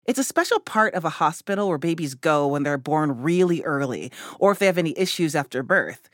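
A woman hosting a children's podcast, chatting and asking questions in a lively way. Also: sits low, brisk, no room sound, studio quality. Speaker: podcast host. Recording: music behind the voice.

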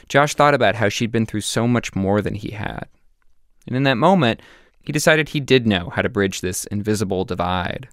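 A man giving scripted documentary narration in a measured, even storytelling manner. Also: fairly low pitch, no room sound, studio quality.

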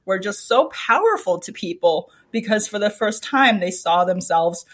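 A middle-aged American woman, a children's book author, appears as an interview guest. At medium pitch and a moderate pace, she tells personal anecdotes in an animated, emphatic, conversational style.

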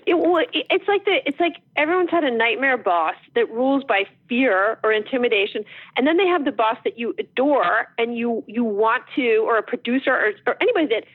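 A middle-aged woman from New Jersey, an author guest telling stories in a lively, animated way with quick restarts. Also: fairly high pitch, no echo. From New Jersey, USA. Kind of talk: casual interview chat. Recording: tinny phone line, dry.

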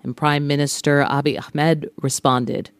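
A woman hosting a news podcast, narrating scripted reports in a grave, measured storytelling manner. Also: low voice, level tone, clear, resonant tone, no echo. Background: music bed.

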